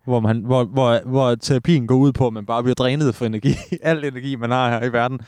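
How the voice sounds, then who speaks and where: A young man with a clear, smooth voice at a middle pitch tells anecdotes in casual chat. He laughs often and restarts his sentences. The recording is dry and close. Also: steady tone, a little mellow, dry recording. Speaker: podcast co-host.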